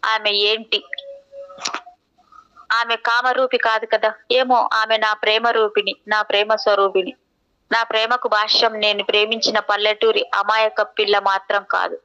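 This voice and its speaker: Bright, smooth-voiced woman reading a novel. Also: medium pitch, little pitch movement, lo-fi sound. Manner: measured, reflective, poetic phrasing. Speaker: audiobook narrator. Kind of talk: first-person novel reading.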